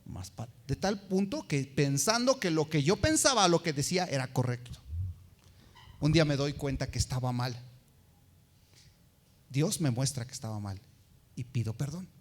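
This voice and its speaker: A man preaches, telling a story from his own life. His voice sits a little high and swings widely in pitch. He mimics the people he quotes as he goes. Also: expressive, moderate pace, pauses often. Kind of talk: sermon with personal testimony.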